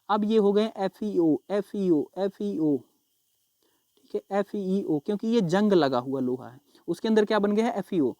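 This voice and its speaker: A man's voice: high voice, a little mellow, no room sound. A man teaching a science lesson in a casual classroom style, repeating key terms and quizzing his students as he explains. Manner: chatty, calls students bhai and babu log.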